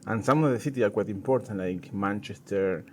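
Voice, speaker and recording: Interviewed in a garden with noisy outdoor sound around him, this professional tango dancer and teacher talks in a lowish voice. He's a middle-aged native Spanish speaker with an Argentine accent, speaking in a relaxed but halting way.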